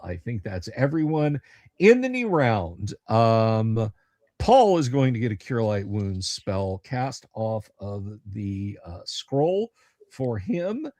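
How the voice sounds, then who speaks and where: A man's voice: on the low side, warm tone, no room sound. A man running a tabletop game as game master, narrating and ruling in a playful, theatrical, improvised way.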